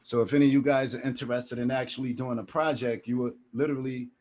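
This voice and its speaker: A man's voice: mid-range voice, steady tone, quick pace, darkish tone. A man instructing an online film class in a casual way, often checking in with "right?". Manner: casual, keeps adding "right?". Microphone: video call.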